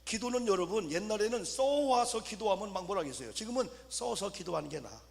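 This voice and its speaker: A man's voice: high voice, lively intonation, quick pace, vocal fry. A male pastor preaching a sermon with humorous stories, acting out voices of the people in them. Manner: humorous storytelling, acting out voices of babies and mothers. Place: church sanctuary. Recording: church hall reverb.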